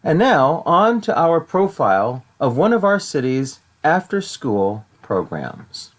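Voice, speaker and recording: A man hosting a show, reading a scripted feature in measured phrases. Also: a little high, big pitch swings. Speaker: show host and interviewer.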